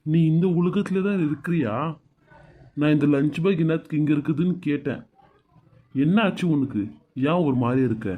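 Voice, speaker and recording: A man voicing a caring young husband with a Bangalore Tamil accent, speaking gently and protectively in a cartoon serial. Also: a little high, normal speed, pauses often, phone-quality sound, close to an everyday voice. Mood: concerned. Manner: soft, coaxing reassurance.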